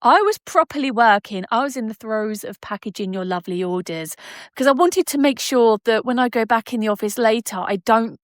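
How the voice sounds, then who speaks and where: A woman's voice: a little high, lively intonation, a little fast, no room sound, studio quality. A woman hosting a podcast from home, chatting in a digressive way and laughing often. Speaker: podcast host. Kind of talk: casual chat. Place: at home by patio doors.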